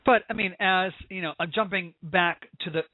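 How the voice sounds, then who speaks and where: A man's voice: high-pitched, fairly even intonation, normal speed, dry recording. An American man hosting a chat show, gushing and joking in a campy way, with many restarts. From United States. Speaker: host. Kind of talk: casual interview chat. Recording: tinny dry phone-like line.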